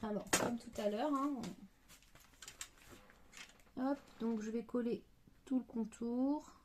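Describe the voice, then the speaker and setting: A woman talks slowly through a card-making tutorial, her voice sitting a little high. She hesitates and thinks aloud as she works, over a faint hiss. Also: darkish tone. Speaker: crafting tutorial host.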